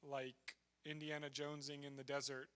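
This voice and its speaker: A man's voice: fairly high pitch, little pitch movement, moderate pace, fairly bright tone. A man speaking as a missionary at a church, telling his story in a conversational, self-deprecating way. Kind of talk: church talk with testimony. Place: church sanctuary.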